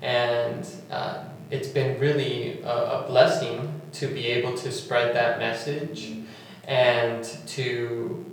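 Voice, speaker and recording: A young man from Nicaragua and Honduras speaks earnestly in an oral history interview, his pace slow and his pitch staying flat. He leans on frequent fillers as he talks. The recording is heavily echoey, with a faint hum beneath it. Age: young adult. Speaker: university staff member and alumnus.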